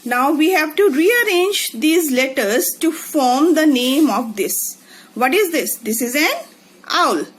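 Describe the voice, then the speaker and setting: A woman's voice: high-pitched, animated, drawn-out words. A woman teaching young children the alphabet, in a sing-song voice, spelling words out letter by letter. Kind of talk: children's lesson, mixing English and Hindi.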